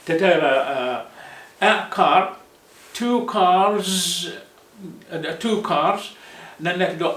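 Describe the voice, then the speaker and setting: A man, a non-native speaker whose first language is Arabic, teaching a language lesson and slowly repeating phrases with frequent self-corrections. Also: high voice, a bit bright. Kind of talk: slow, repetitive language lesson, mixing English and Japanese. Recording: echoey room, voice far from the mic.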